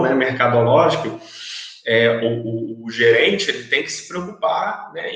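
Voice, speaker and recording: A man's voice: mid-range voice, a bit bright. A man giving a recorded online university lecture, explaining step by step and often checking that students follow along. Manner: explanatory, checks understanding with frequent tags. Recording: very echoey room.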